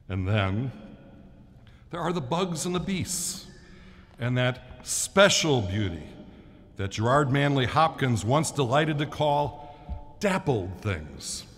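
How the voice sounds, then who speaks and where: Slow, dramatic male preacher in echoing church. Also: medium pitch, a bit bright. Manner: oratorical, deliberate, emphatic phrasing. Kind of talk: formal scripted homily. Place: large church during Mass. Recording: long echo of a big church.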